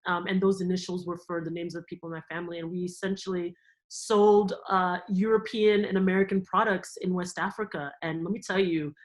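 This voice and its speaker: Animated woman from Cameroon. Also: lowish voice, a little fast, rough recording. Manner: lively, laughs often, animated storytelling. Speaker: guest, theme park company executive. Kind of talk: conversational interview.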